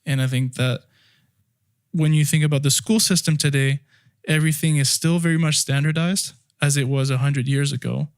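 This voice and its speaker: This young man, raised in France, co-hosts a podcast and talks things through casually, restarting phrases thoughtfully as he explains. His voice is a little high and smooth, with fairly even intonation and a moderate pace. The studio-quality recording has no room sound.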